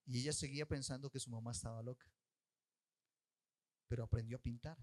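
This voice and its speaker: A man pastor preaching a sermon. He tells a story and urges his listeners, with sudden shifts between loud and soft. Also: mid-range voice, fairly even intonation, brisk.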